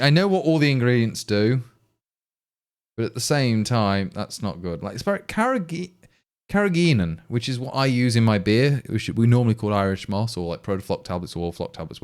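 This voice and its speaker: The voice is low-leaning, smooth and a little mellow: an East Midlands man from England who programs on livestream. Chatting casually to viewers, he rambles, sounds exasperated, and restarts many times.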